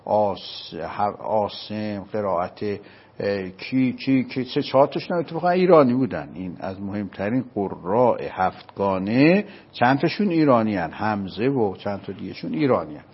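A man's voice: on the low side, big pitch swings, slightly rough, lo-fi sound. Man with an Isfahani accent, explaining patiently. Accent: Isfahani Persian. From Isfahan, Iran. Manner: patient, explaining step by step with checking questions. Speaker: religious scholar. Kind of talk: explanatory lecture in conversation.

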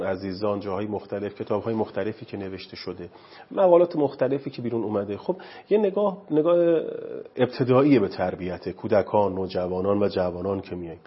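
A man's voice: on the low side, husky, muffled recording. A man from Iran, a parenting expert on a TV interview, explaining parenting styles in a lecturing way with many rhetorical questions.

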